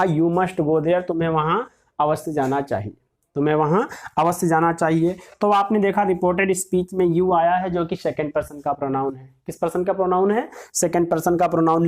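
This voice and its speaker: A woman's voice: lowish voice, darkish tone. A woman teaching a grammar lesson who dictates example sentences word by word and asks her class questions, then answers them herself.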